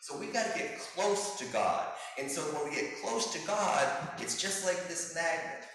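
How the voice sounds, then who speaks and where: A middle-aged male pastor gives a children's sermon, his voice bright and animated as he explains with props. He sounds fairly high for a man. The sound comes from a camera across an echoing church sanctuary, with a long reverb tail. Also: moderate pace. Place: large church sanctuary, indoors. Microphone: far camera. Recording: echoey sanctuary from far off.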